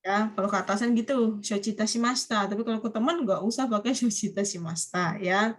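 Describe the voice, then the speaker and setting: A woman's voice: mid-range voice, fast. A woman teaching a university Japanese class online, prompting students to finish each phrase. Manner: coaxing students to complete phrases. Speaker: Japanese language lecturer.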